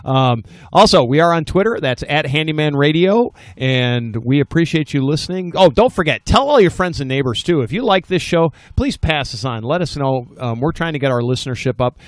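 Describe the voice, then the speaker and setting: A man's voice: fairly high pitch, animated, brisk, hardly any pauses, no room sound. A man co-hosting a home improvement talk show, chatty and jokey. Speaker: co-host. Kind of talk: casual chat.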